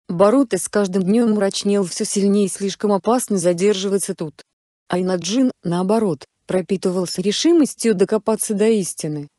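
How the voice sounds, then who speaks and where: A woman narrating a story in a calm, steady reading voice. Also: mid-range voice, no echo, clean studio sound. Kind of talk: storybook narration of fan fiction.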